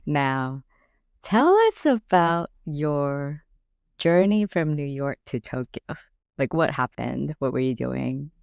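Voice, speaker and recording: A woman's voice: deep voice, takes it slowly, vocal fry, darkish tone, clean tone, dry recording, clean studio sound. A woman hosting a podcast, reading a scripted intro and then interviewing a guest in a friendly, inviting way. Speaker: podcast host.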